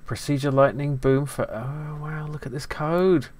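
A middle-aged man hosts a retro computing video, his voice fairly high, a little mellow, and fairly even in intonation. He mutters casually while poking through old files, mocking himself and laughing readily.

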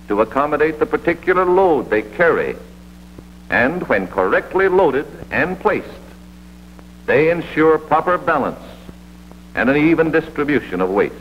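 Speaking a little slowly in a sing-song way, this American man has a voice on the high side. He narrates a vintage military training film in an authoritative, scripted, instructional style. Hum and hiss come through the dull vintage soundtrack.

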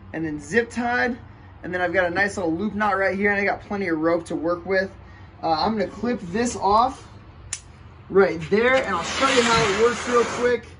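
Out on a porch, a man in his thirties who hosts a kayak fishing channel explains a how-to casually, step by step, while his hands stay busy. His voice is high, and the camera mic a few feet away also catches a noisy background.

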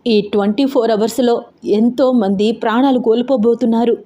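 A woman voicing a calm, grave young schoolgirl who speaks firmly and solemnly in an audio story. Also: fairly high pitch, normal speed, muffled recording, natural voice. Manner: firm and solemn.

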